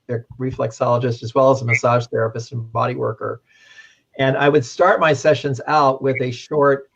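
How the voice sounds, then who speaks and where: A man who practised massage for many years, telling rambling stories in a casual panel chat, with frequent restarts. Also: mid-range voice. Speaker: guest, former massage therapist and witch. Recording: dull lo-fi sound.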